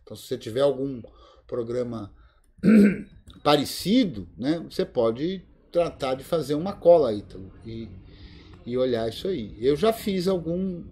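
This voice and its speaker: A man with a Brazilian Portuguese accent instructs a live Linux lab via video call, sharing his screen and thinking aloud with many fillers. His mid-range voice is mellow and slightly rough, with lively intonation and a measured pace, captured on a video call mic.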